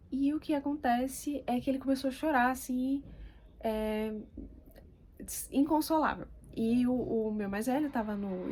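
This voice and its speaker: A woman, speaking gently and hesitantly, with many pauses, as a mother sharing her story. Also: a little high, a little hiss or hum. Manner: soft-spoken, hesitant, many pauses and fillers. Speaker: mother vlogger. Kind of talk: casual personal talk to camera. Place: quiet home room.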